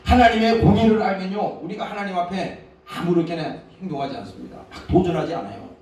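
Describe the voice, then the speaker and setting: A man preaching a Sunday sermon as pastor, asking his congregation questions and nudging them with "eh?", switching between loud scripture readings and quiet asides. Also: high-pitched, quick pace. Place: church sanctuary. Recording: echoey church hall from far off, faint noise.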